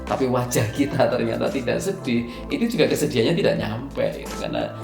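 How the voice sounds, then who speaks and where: A man's voice: mid-range voice, quick pace, creaky. A man teaching presentation skills over slides, explaining with hesitant fillers and stressing key words. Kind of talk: recorded slide lecture. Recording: echoey room, faint music underneath.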